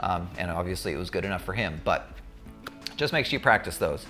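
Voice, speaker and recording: A man with a low, deep voice recounts his experience in a casual storytelling style. He speaks candidly and conversationally, as if to viewers, with faint music in the background. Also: expressive, brisk, sharp tone. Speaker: student pilot recounting a checkride.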